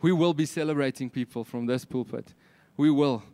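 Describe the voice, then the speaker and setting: A man's voice: mid-range voice, moderate pace, mellow, dry recording. A man with a South African Afrikaans accent preaching a sermon, emphatic, with repeated phrases and rhetorical questions.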